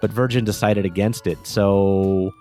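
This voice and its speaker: A man co-hosting a casual podcast, chatty and quick to laugh, often trailing off into asides. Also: on the low side, fairly even intonation, warm tone, faint music behind. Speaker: podcast co-host. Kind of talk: casual chat about game music.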